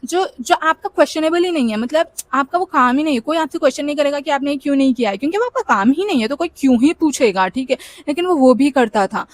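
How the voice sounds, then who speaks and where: A young woman casually telling a personal story, animated and switching between Hindi and English as she acts out the dialogue. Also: high-pitched, fast, few pauses. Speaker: storyteller vlogger.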